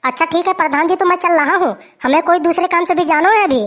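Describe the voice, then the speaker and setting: Performer as a brisk deal-making official, comedy, very high. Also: fairly bright tone. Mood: businesslike. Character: smooth city official making deals.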